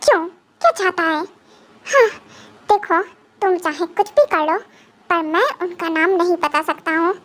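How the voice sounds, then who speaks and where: A woman's voice: extremely high pitch, measured pace, long pauses, fairly bright tone. Woman voicing a stammering, terrified male captive. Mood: defiant. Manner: pleading, stammering, crying. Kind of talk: Hindi fan dub drama.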